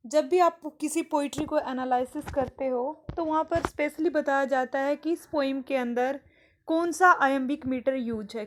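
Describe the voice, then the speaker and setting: Slow, high-voiced Indian woman teaching. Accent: Indian English. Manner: slow, explanatory, repeats questions and answers them; reads English definitions slowly and deliberately. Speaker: English teacher. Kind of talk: online exam-prep lesson, Hindi mixed with English.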